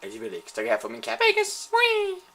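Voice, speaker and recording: A man giving excitable live commentary while playing a shooter game, swearing and trash-talking his opponents. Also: lowish voice, breathy edge.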